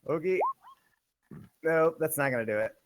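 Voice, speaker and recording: A young man playing a tabletop game, laughing, swearing and thinking out loud with many ums. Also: on the high side, moderate pace, noisy background. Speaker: player. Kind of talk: casual tabletop game chat.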